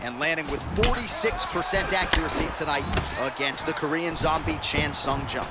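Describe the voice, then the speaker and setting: A man's voice: fairly high pitch, normal speed. A man calling a fight as play-by-play commentator, describing the action and setting up his partner. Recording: very noisy arena ambience.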